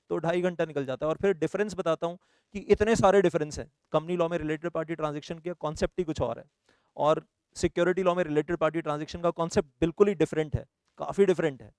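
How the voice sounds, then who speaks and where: A man's voice: a little high, a little mellow, smooth, no echo. A man with an Indian accent, a teacher coaching company secretary students, talking earnestly and persuasively as he promotes his courses and mixes Hindi with English.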